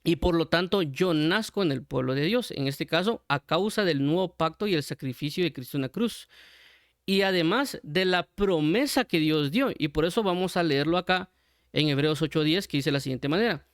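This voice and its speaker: A man's voice: fairly high pitch, normal speed, no room sound. Guatemalan man preaching, dry close voice. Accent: Guatemalan Spanish. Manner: explanatory, repeats points with many restarts. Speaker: Bible teacher. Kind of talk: sermon.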